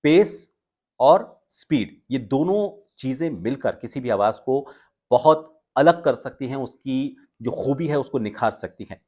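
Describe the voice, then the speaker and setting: A voice training instructor presents a lesson on voice modulation to viewers, speaking in a measured, explanatory way with deliberate phrasing and pauses for emphasis. His mid-range voice is expressive and mellow.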